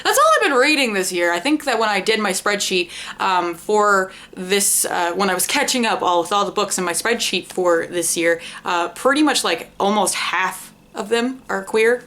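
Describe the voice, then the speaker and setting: A young woman who hosts a book vlog chats to camera in a casual review, her medium-pitched, slightly bright voice lively in intonation and normal in speed. She rambles and pokes fun at herself, using informal language and swearing.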